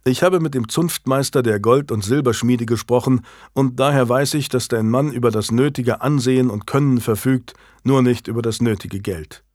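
A man as a calm, earnest medieval lord. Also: medium pitch, normal speed, few pauses, no echo, studio quality, natural voice.

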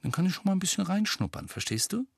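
A man's voice: high-pitched, very animated, fast, creaky, breathy edge, dry recording, clean studio sound, pitched above the performer's own voice, full character voice. A man voicing a casual, hesitant teenage wizard boy in an audiobook reading. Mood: coaxing. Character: gangly easily distracted teenage wizard boy.

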